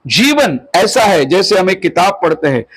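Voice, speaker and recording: A high-pitched man in his fifties gives a sermon at a house prayer meeting. He exhorts his listeners steadily and stretches out the English phrases he slips in. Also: big pitch swings, a bit bright, breathy edge, poor audio. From India. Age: 50s. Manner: exhorting, mixes English phrases and slows on them. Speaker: pastor.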